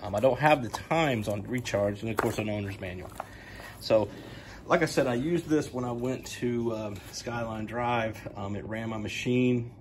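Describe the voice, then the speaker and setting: A man's voice: medium pitch, moderate pace, background noise. A man in his forties casually demoing gear in his home garage, rambling with lots of ums, filmed on a phone held at arm's length. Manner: relaxed, rambling, many ums. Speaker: motorcycle vlogger. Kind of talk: casual product demo. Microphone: phone camera at arm's length.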